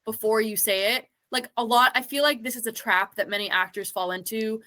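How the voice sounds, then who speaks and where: During a casual interview, a woman guest who is both a singer and an actor speaks briskly in a slightly high voice that is steady, pushed, and bright. Her answers wander as she thinks them through, heavy with "like" fillers.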